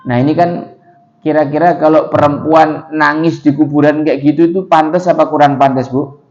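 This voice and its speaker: Man, sermon, higher voice, dull lo-fi sound. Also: moderate pace. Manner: lively, questions the congregation. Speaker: preacher. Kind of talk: sermon storytelling. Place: mosque.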